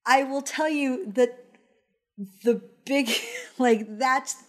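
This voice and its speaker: A woman telling a casual, animated anecdote, acting out the quoted voices and using lots of fillers. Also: high-pitched, slow pace. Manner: frequent fillers like "like". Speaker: storyteller.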